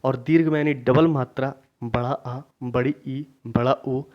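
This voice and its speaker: A man teaching a grammar lesson for exam preparation, asking questions and then answering them himself, repeating key points slowly. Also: medium pitch, fairly even intonation. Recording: dull lo-fi recording.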